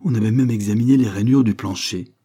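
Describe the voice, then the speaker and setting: A man reading an adventure novel aloud as narrator in a measured, dramatic way. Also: fairly low pitch, dark tone, slightly rough. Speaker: audiobook narrator.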